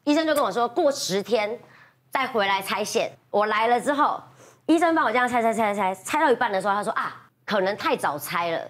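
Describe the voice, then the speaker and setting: A middle-aged woman on a TV studio panel, telling a story in casual chat. She is animated, acts out the voices she quotes, and laughs often. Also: a little high, fast talker.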